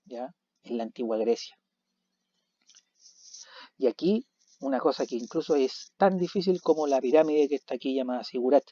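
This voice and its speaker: A man teaching a recorded video lesson, animated, asking questions and answering them himself. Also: medium pitch, dry recording. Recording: dull lo-fi recording.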